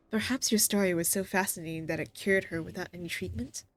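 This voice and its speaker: Expressive woman reading a game aloud. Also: lowish voice, no echo. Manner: expressive, exclaims and laughs at the story. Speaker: video game streamer. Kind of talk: reading game dialogue aloud with live reactions.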